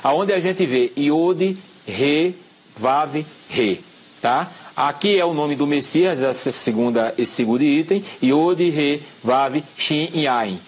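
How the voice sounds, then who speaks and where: A man, a guest Bible scholar on a talk show, slowly explaining Hebrew letters and often checking "tá certo?". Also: fairly high pitch, expressive.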